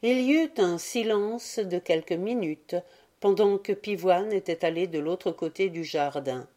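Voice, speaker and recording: A woman reads a fairy tale aloud in a gently expressive storybook manner. She takes her time over every phrase. Her tone is mellow and warm. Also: lowish voice, a little slow. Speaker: audiobook reader. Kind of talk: scripted storybook narration.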